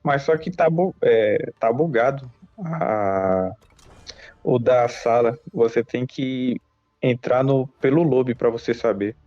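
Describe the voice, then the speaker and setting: A man's voice: mid-range voice, slow pace, no room sound. Laid-back Brazilian streamer guy. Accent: Brazilian Portuguese. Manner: relaxed slangy talk with many restarts. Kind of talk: casual gaming chat. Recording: dull lo-fi mic with game music.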